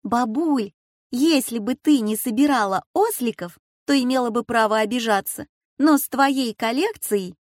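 A woman voicing a lively, teasing schoolgirl granddaughter in a storybook reading. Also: a little high, no room sound, clean studio sound, pitched above the performer's own voice, close to an everyday voice. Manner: quick, teasing and bright.

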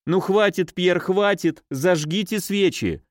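A man's voice: high-pitched, slow pace, dry recording, clean studio sound, pitched above the performer's own voice. Man raising his voice for a fussy, frightened nurse. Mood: frightened, scolding. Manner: mannered, fussy, shrieking when afraid. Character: shrill, easily scared female nurse.

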